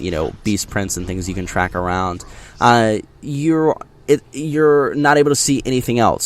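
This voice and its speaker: With a fairly low pitch and a little hiss or hum in the recording, he shares his video game impressions over gameplay. His explanations are casual, unscripted, and aimed straight at viewers.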